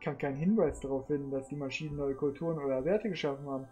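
A streamer narrating game text aloud in the first person, calm and measured. The voice sits mid-pitched with a dark, mellow tone. Faint game music runs underneath.

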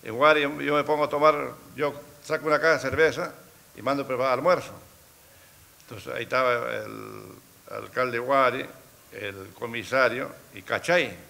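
Man, middle-aged, gravelly, bright tone, recounting a story. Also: medium pitch. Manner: storytelling, quoting others, repeats words. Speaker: community road committee president. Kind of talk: casual spoken recollection.

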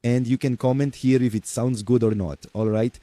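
A Portuguese-accented man presents a software tutorial over a screen recording, talking chattily to viewers as folks with plenty of "okay" and "right." He speaks at medium pitch with fairly even intonation and normal speed, with no room sound.

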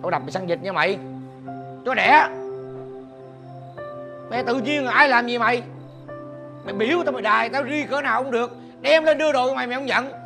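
An actor with a Southern Vietnamese accent playing a gruff, hot-tempered middle-aged father who scolds and curses loudly. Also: mid-range voice, animated, fast, soft background music. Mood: furious. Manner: shouting, scolding and cursing. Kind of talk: film acting.

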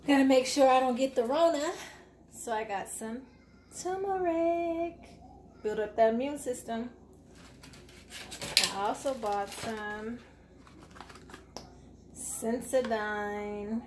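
This woman's voice is fairly high and a little mellow. In her forties, she chats upbeat to viewers in a casual grocery haul vlog filmed at arm's length in her home kitchen, where the sound is echoey with faint room noise.

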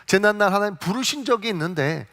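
A male pastor preaching a sermon in a church. He asks the congregation questions, answers them himself, and slows down to act out scripture quotes. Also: high voice, expressive, a bit bright. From South Korea. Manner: acts out God's and Moses' words with slow, stressed delivery. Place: church sanctuary.

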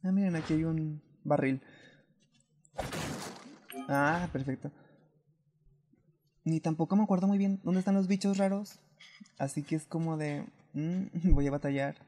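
Mellow, hesitant male game streamer, Latin American Spanish. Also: fairly high pitch, measured pace, pauses often. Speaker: streamer, VTuber playing a video game. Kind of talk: casual gameplay commentary.

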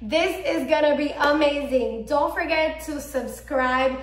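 Speaking unhurriedly in a high-pitched voice, a Miami, Florida, medical student of twenty-four vlogs to camera from a small room at home, and the sound is reverberant. Her Cuban-American accent comes through as she chats, casual and enthusiastic. She's bubbly and gestures a lot.

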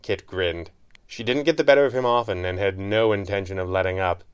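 A man giving steady scripted narration of an adventure story. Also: deep voice, brisk, clean tone.

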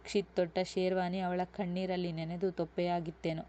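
Mellow, flat-voiced woman storyteller. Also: fairly low pitch, a little hiss or hum. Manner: steady, measured reading. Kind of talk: reading a serialized novel aloud. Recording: dull lo-fi recording.

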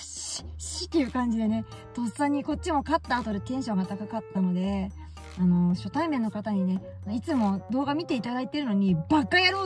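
Animated woman telling a casual story. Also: on the high side. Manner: animated, exclaiming, laughing at herself. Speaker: baseball fan vlogger.

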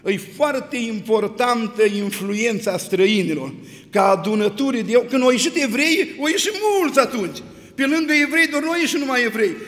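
A man preaching a sermon, retelling scripture stories with lively, rising emphasis. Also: high-pitched. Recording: long hall reverb.

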